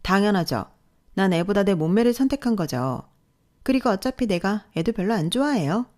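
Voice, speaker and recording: A woman doing a vain young wife with a sharp tongue, snippy and scornful in every word. The voice is pushed up higher than a plain speaking voice, as in a told story. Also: lively intonation, a little fast, natural voice. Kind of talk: storytelling role-play.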